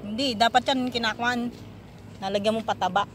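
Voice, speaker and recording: A woman's voice: on the high side, fairly even intonation, brisk, fairly bright tone. A woman in her thirties giving a chatty, giggly selfie tour of a rural farm, talking to her viewers on a handheld phone outdoors. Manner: chatty, giggly, addresses viewers as "mga kablandi". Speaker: vlogger. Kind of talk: casual selfie vlog tour. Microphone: phone at arm's length. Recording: phone recording with outdoor noise.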